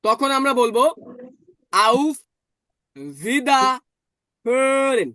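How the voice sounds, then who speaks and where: A man teaching German in an online class, explaining patiently and slowly repeating words. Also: very high-pitched, expressive, pushed and bright, no room sound, studio quality.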